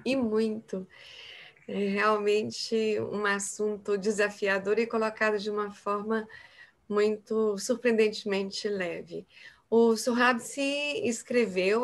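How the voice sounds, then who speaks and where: A woman moderating an online talk in a gracious, measured way on a video call. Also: medium pitch.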